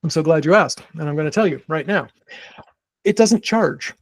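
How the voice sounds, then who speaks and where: A man's voice: fairly high pitch, expressive, moderate pace, no echo. A man co-hosting a podcast in casual chat, rambling with restarts and fillers. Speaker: podcast co-host.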